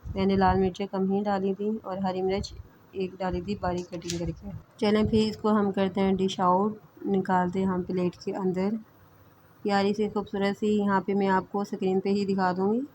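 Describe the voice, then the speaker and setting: A woman with a medium-pitched, warm voice hosts a home cooking vlog from her kitchen, with slight background noise on poor audio. As the home cook and channel host, she chats through each step and keeps checking in with viewers, calling them sisters and brothers.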